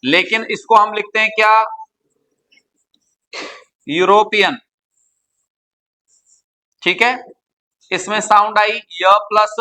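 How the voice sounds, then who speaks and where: A man's voice: high voice, sharp tone, poor audio. A man from India teaching English grammar in a classroom lecture, quizzing his students with repeated questions.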